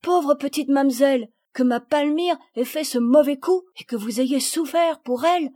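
A woman's voice: moderate pace, dry recording, clean studio sound, natural voice. A woman putting on a blunt old peasant gardener. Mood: scolding. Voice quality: rustic country speech. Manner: loud, scolding, high-pitched.

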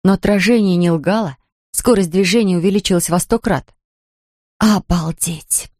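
A woman narrating an audiobook in an even storytelling manner. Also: medium pitch, fairly quick, no room sound, studio quality. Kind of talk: scripted narration.

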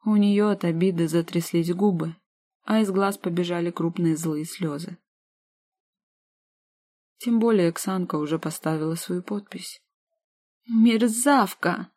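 A woman narrating a first-person audiobook in a wry, expressive manner. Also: on the low side, normal speed, pauses often.

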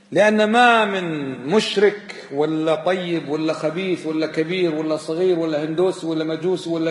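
A man giving a religious lesson as a sheikh. He is emphatic, repeats words and quizzes his listeners with rhetorical questions. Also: fairly high pitch. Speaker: sheikh teaching a religious text. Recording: echoey hall with long reverb.

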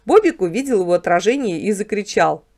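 A woman narrating a children's story in an expressive, lively telling. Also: medium pitch, brisk.

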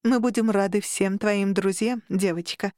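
A woman's voice: medium pitch, fairly even intonation, normal speed, a little mellow, dry recording, close to an everyday voice. Kindly, sly vampire hostess voiced by a woman narrator for an audiobook, dry booth.

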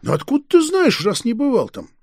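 Male narrator as a wily, mocking interrogator; husky, gravelly, lively delivery for a storybook. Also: very high-pitched, no echo, studio quality, pitched above the performer's own voice, full character voice. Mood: needling. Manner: slow, needling, teasing interrogation. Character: sly, mocking older police detective chief. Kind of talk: audiobook character reading.

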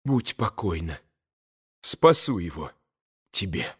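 A man reading the part of a proud, tormented young woman, with a hushed, clipped and bitter delivery. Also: medium pitch, lively intonation, slow pace.

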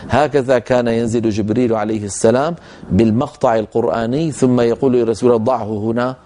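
An older man teaching Quran recitation rules in a religious lecture, explaining patiently and demonstrating words slowly. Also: mid-range voice, steady tone, warm tone. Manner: explanatory, demonstrates recitation with slow drawn-out examples.

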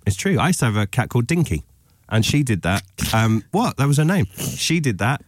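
A man's voice: mid-range voice, sing-song, a little fast, no echo, studio quality. A man co-hosting breakfast radio in an easygoing, agreeable manner. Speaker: radio co-host. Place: radio studio.

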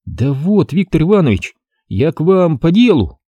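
A man's voice: a little high, big pitch swings, normal speed, mellow, breathy edge, dry recording, pitched above the performer's own voice. A man voicing a pleading, stubborn teenage girl in an audiobook, whining to get her way. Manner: pleading, whiny.

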